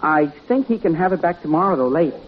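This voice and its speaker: A slightly muffled old radio comedy recording of a polite delivery man. He has a fairly high male voice and a literal, matter-of-fact way of talking. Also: expressive, quick pace. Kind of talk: 1950s radio comedy acting.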